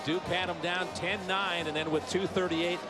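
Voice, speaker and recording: A man's voice: sits high, little pitch movement, moderate pace, loud music behind the voice. A man calling a live lacrosse game as the play-by-play sports announcer.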